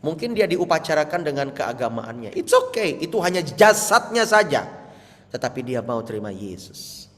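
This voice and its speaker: A man's voice: very animated, normal speed. Man preaching in a reverberant hall. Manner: preaching with sweeping swings between soft, low asides and loud, high exhortations. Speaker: pastor. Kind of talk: sermon. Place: church hall, over an online meeting.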